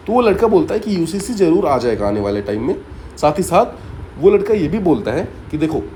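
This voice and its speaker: A man with a slightly high, warm voice teaches exam students through a story-based mnemonic lesson. He goes step by step, often repeating key points and dropping in short English asides. There's slight background noise.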